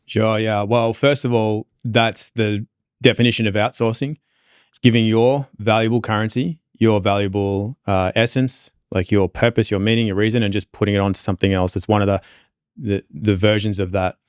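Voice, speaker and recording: A man's voice: on the low side, steady tone, moderate pace, clean tone, no echo, studio quality. A man with an Australian accent, talking as a podcast guest in a loose, reflective way, full of fillers and restarts. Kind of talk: casual conversation.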